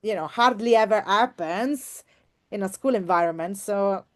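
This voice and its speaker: In an informal online workshop, a woman teacher presents at normal speed in a mid-range voice. She is effusive and expressive, often repeating words for emphasis.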